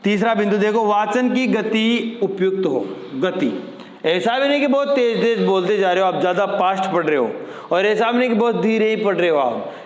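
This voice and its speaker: Male teacher, high voice, patient drilling delivery, reverberant room. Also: lively intonation, moderate pace. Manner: explains step by step, repeats key terms as questions. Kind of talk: exam-prep lecture.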